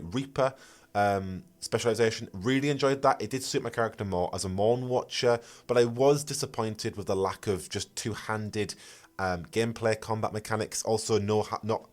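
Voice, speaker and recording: A man with a somewhat low voice talks through his thoughts in a relaxed, conversational way. He hosts the podcast and laughs easily with his friends. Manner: laid-back, chatty, quick laughs. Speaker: podcast host. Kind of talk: casual chat.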